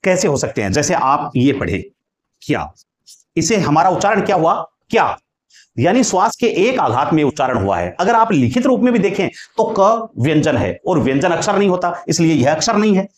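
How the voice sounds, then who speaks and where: A man's voice: on the high side, big pitch swings, a little fast, few pauses, roomy sound. A man teaching Hindi grammar in a lecture style, explaining patiently, repeating key points and drawing out sounds as examples while writing on a board.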